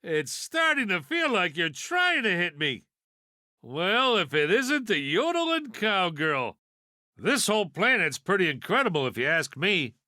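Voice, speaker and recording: Voicing a brash, know-it-all toy piggy bank for a video game, a man gives wisecracking lines in a sardonic, folksy, wry and casual manner. His full character voice sits high and sing-song, measured in pace and sharp in tone. The recording is dry and clean, studio-grade.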